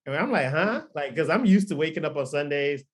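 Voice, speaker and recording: Animated and a little fast, his voice slightly high, a man in his thirties gives a relaxed podcast-interview testimony about his life. Originally from Liberia and raised in Florida, he is a pastor and record producer whose telling rambles with many ums and restarts.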